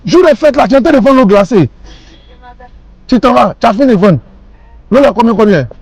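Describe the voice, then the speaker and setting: A man with an Ivorian accent talks in a high voice, coaxing and repetitive, tagging his sentences with questions. He is recorded on a phone outdoors on a street at night. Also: lively intonation, moderate pace, slightly rough, dry recording, poor audio. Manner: coaxing, repetitive, full of "hein". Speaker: man filming a street act of charity.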